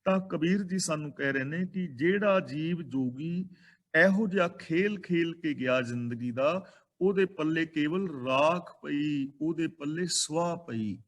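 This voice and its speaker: A man with a Punjabi accent teaches sacred verses. His voice sits a little high. He chants each line slowly, then explains its pronunciation and meaning in a steady teaching manner. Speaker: scripture teacher.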